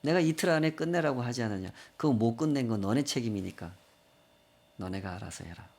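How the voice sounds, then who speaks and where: A man voicing a stingy, hot-tempered company boss who scolds and yells at his staff. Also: mid-range voice, animated, fairly quick. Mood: stern. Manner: stern, scolding, yelling in anger.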